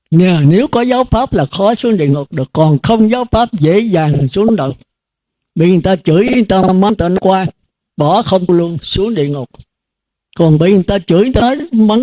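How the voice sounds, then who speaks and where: A man's voice: high-pitched, dark tone, dry recording. An older man, a Buddhist monk, giving a dharma talk to students in an earnest, repetitive cadence full of rhetorical questions. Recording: dull lo-fi dry recording.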